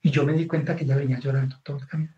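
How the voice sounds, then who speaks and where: A man's voice: fairly high pitch, rapid-fire, dull audio. A man with a Colombian accent, a guest author telling a personal story in conversation and often checking in with his listener. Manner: animated, keeps checking in with the listener.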